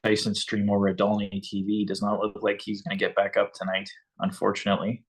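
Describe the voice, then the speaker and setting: Relaxed low-voiced man co-hosting a stream. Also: fast talker, husky. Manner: relaxed, chatty, reads out viewer comments. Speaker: co-host of a fan game-watch stream. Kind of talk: casual live game chat.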